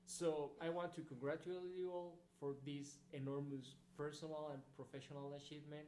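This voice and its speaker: This is a graduate's video message of congratulations, played back in a hall with echo and a faint hum. His slightly high, slightly mellow voice moves little in pitch and keeps a normal speed as he earnestly searches for the right words.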